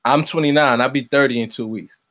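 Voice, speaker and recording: Late-20s New rapper, laid-back guest chat, slangy, mid-low pitch. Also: male voice, brisk, fairly bright tone. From Brooklyn, New York. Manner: easygoing, slangy. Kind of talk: casual interview chat.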